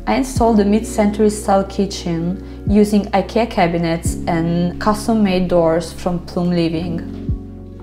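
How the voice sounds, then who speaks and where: A woman from Ukraine who grew up in Italy, speaking as she calmly explains her home as an interior decorator. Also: mid-range voice. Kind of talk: home tour narration.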